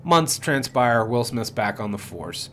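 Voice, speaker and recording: A man's voice: medium pitch, sing-song, measured pace, fairly bright tone, a little hiss or hum. A man co-hosting a podcast, recapping a movie in a rambling, profane, casual way with lots of fillers. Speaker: podcast co-host. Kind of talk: casual movie review chat.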